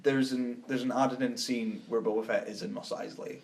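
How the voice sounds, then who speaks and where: A man's voice: mid-range voice, fairly even intonation, normal speed, darkish tone, slight background noise. Rambling podcast guy. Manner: rambling, enthusiastic, trails off into tangents. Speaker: podcast co-host. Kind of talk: casual chat.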